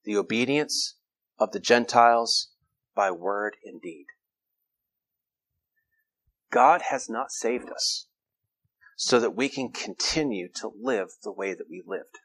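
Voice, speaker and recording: A man's voice: mid-range voice, takes it slowly, long pauses, fairly bright tone. A man preaching an earnest sermon, reading scripture aloud and often restarting his phrases. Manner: frequent repetitions and restarts.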